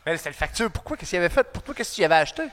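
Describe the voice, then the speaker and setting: A man's voice: high voice, big pitch swings, rapid-fire, a bit bright, a little hiss or hum. A man with a Québécois French accent, a podcast co-host who chimes in with teasing interjections. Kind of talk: playful podcast banter.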